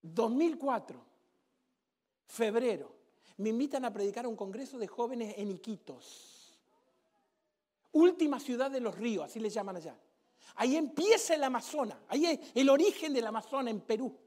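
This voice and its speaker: A man's voice: extremely high pitch, expressive, moderate pace, long pauses, darkish tone. A middle-aged man, a pastor with an Argentine accent, preaching a storytelling sermon to a church congregation, telling funny anecdotes that rise into fervent exhortation. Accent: Argentine Spanish. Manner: humorous, acts out dialogue, builds to fervent exhortation.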